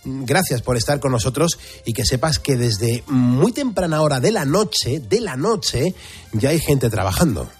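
A man's voice: mid-range voice, big pitch swings, a little slow, darkish tone. A man hosting an early-morning radio show, chatting in a friendly, bantering way. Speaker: radio host. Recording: radio broadcast with faint music.

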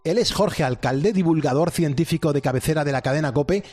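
Radio host guy, kinda high pitched, chatty and upbeat. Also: fairly quick, soft background music. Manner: lively, laughs easily. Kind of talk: late-night radio talk.

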